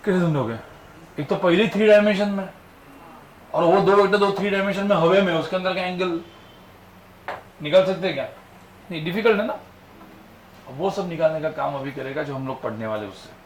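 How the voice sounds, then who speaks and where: A man's voice: high-pitched, brisk, pauses often, slight background noise. A male physics teacher giving a classroom lecture, firing constant questions at his students. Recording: echoey classroom with faint ambience.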